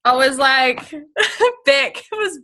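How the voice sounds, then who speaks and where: A woman sharing a story on a team video call, giggly and animated. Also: high-pitched, extremely slow. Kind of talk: casual chat.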